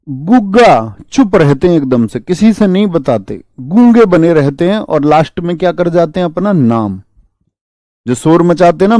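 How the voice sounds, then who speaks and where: A young male coaching teacher drills his students with quick rhetorical questions and tosses English words into his lesson. His voice sits a little high yet sounds mellow and dark, and it is recorded dry and close with no room echo. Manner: mixes English words into explanations. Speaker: exam-prep teacher.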